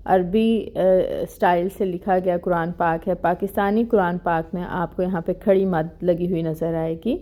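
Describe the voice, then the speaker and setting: A woman teaching tajweed in an online lesson, explaining each rule plainly and reciting verses slowly and drawn out. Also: lowish voice, mellow. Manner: explains rules plainly, mixing in English words.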